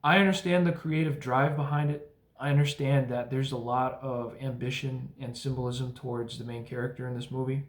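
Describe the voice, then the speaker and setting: A man's voice: medium pitch, fairly even intonation, fairly quick, roomy sound. A young man giving a casual spoken movie review, rambling with many fillers and restarts and cursing bluntly.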